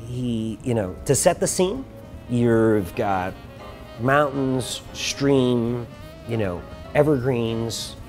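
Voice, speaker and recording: A man as interview guest, telling stories in an animated way with frequent restarts. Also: medium pitch, extremely slow, faint music behind. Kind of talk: casual chat, storytelling.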